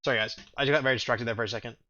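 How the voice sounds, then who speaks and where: A man's voice: medium pitch, steady tone, rapid-fire, sharp tone, highs cut off. A man casually commenting on his own gameplay, thinking aloud and rambling, with a groggy morning voice. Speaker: gaming video host. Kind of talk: casual let's-play commentary.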